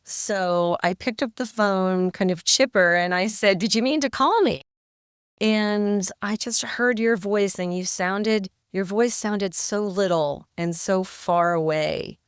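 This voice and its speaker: A woman's voice: medium pitch, fairly even intonation, slow pace, few pauses, smooth, dry recording, studio quality. A middle-aged woman recounting events as a podcast guest, reflective and hesitant, often repeating words. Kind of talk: interview storytelling.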